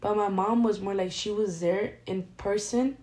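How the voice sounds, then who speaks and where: A young woman co-hosting a casual podcast chat, talking softly and rambling with many fillers. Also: mid-range voice, steady tone, moderate pace, poor audio. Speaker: podcast co-host.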